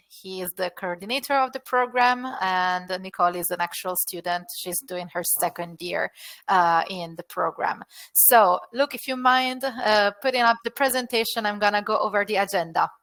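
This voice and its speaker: Bright woman presenting a webinar. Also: medium pitch. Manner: upbeat, chatty, with many fillers. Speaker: university recruitment staff.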